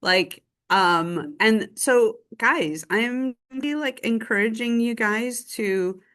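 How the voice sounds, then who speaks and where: Over an online call, a woman with a fairly high, somewhat bright voice runs a live real estate training session at a slow pace. Her manner is warm and talkative, encouraging the group while filling her sentences with "um" and "like."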